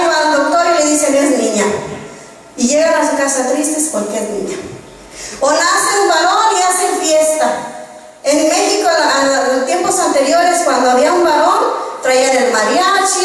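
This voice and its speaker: A woman with a Mexican accent preaching a sermon, putting rhetorical questions to her congregation. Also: high voice. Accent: Mexican Spanish. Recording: distant echoey hall recording.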